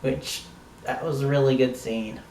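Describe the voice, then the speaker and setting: A man's voice: medium pitch, steady tone, unhurried, darkish tone, echoey room, distant mic, slight background noise, low-quality recording. A man giving a casual, rambling, enthusiastic review of a TV episode, swearing now and then.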